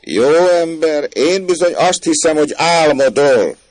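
A man doing a high scornful servant girl. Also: expressive, darkish tone, dry recording, lightly acted. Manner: mocking, dismissive scolding. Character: servant girl, young woman, scornful and sharp-tongued.

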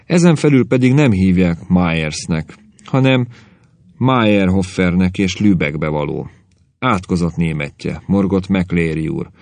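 A suspicious husband who grumbles and mutters his doubts, as a man plays him in a storybook reading. The voice is deep and gravelly. It sounds close and dry. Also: expressive, darkish tone, dry recording. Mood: grumbling.

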